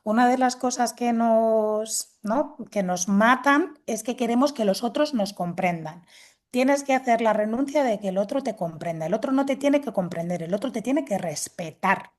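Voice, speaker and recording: Woman calmly explaining assertiveness. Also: a little high, moderate pace. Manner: patient, explanatory, acts out dialogue examples. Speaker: guest expert on assertiveness. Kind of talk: explanatory talk with acted examples.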